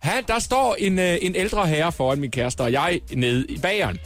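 A man's voice: a little high, a bit bright. A man running a quiz on a radio show, teasing the players and laughing often. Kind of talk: joking radio banter.

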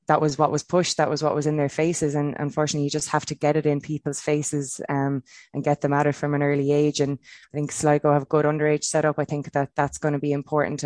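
A woman's voice: low voice, a little mellow, no echo. An Irish woman from Kilkenny giving her views as a guest in a casual interview. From Kilkenny, Ireland. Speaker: football player and pundit guest.

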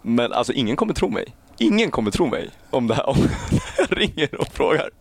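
Police guy in his 30s telling a crazy work story, laughs a lot, acts out the yelling. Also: medium pitch, gravelly, husky. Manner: lively storyteller, laughs often, acts out his own panicked shouts. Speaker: police officer guest. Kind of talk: casual storytelling.

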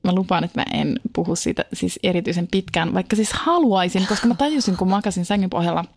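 A woman's voice: on the low side, a little mellow, no room sound, studio quality. A woman co-hosting a casual chat show, telling self-mocking stories and laughing often. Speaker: podcast co-host.

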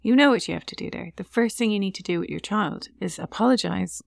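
A woman's voice: mid-range voice, fast talker, creaky, dry recording. Woman podcast co-host, earnest parenting tips, dry close sound. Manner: earnest, giving step-by-step advice; acts out what to say to a child. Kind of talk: casual podcast chat.

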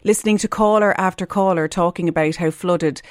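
A woman with an Irish accent hosts a radio phone-in in a conversational way. Her voice sits a little low, and the studio sound is close and dry. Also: brisk, no room sound. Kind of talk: conversational live radio hosting.

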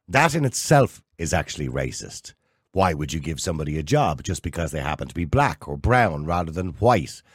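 An Irish man presents an opinionated radio phone-in in a deep voice. His pitch swings widely as he drives points home with repetition, and the sound is close and dry. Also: slightly rough, dry recording. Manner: emphatic, repeats phrases and rhetorical questions. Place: radio studio.

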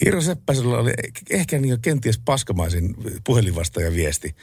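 A man hosts a late-night radio show from a studio, telling stories with big swings of pitch and acting out both sides of a phone call. His voice is gravelly and a little husky, and the studio sound is dry and close. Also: no echo. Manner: animated storyteller, acts out phone calls loudly. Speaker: radio host. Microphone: studio microphone.

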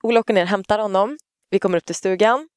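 A woman's voice: medium pitch, smooth, no echo, clean studio sound. A woman, casually telling a story on a podcast and acting out the quotes. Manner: animated anecdote-telling, acts out quotes loudly. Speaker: podcast co-host, parent.

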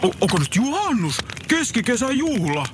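A man's voice: very high-pitched, big pitch swings, noisy background. A man playing a bumbling, fretful old Santa Claus who stammers and hesitates, in a comic skit. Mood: puzzled.

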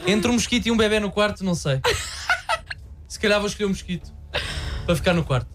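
A man with a European Portuguese accent co-hosting a radio show, arguing jokingly and quickly. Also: high voice, lively intonation, a bit bright. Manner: quick, jokey, argumentative. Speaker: radio co-host. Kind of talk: playful studio banter.

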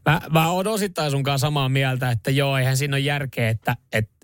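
A man's voice: mid-range voice, clean tone, no room sound. A man hosting a casual chat show, rambling and laughing easily as he tells stories. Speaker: radio show host.

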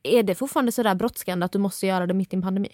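A young woman from southern Sweden with a mild Scanian accent, co-hosting a podcast in casual, animated chat. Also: medium pitch, no echo, clean studio sound. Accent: mild Scanian Swedish. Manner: animated, talks in quick bursts with quoted asides. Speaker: podcast co-host.

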